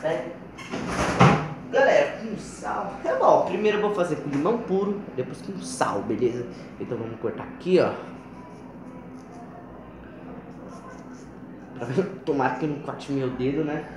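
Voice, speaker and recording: A man's voice: a little high, lively intonation, moderate pace. A teenage boy with a Brazilian accent chats casually and slangily to the camera as he hosts a challenge video, often repeating himself. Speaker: video blogger hosting a challenge. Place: small tiled home kitchen, indoors. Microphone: phone camera at about arm's length. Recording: echoey tiled kitchen, clearly noisy phone audio.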